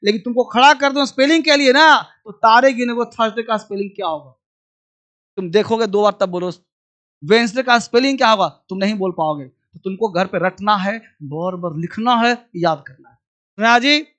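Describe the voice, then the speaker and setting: A man's voice: high-pitched, normal speed, a bit bright. A man teaching an English lesson in a classroom style, drilling words aloud and repeating them with a commanding manner.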